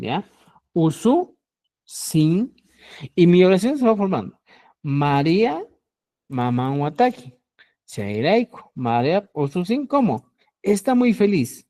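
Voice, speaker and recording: Slow, lively-pitched woman teaching grammar. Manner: slow, explanatory, repeats phrases and asks "¿ya?". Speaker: language teacher. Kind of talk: online grammar lesson.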